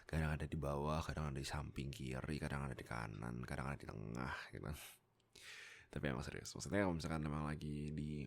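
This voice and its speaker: Here's an Indonesian YouTuber and voice actor in his young adult years, his very deep voice edged with vocal fry. Close to a desktop microphone, he rambles playfully at his audience, stopping to hesitate, breaking off mid-thought, and slipping in jokes.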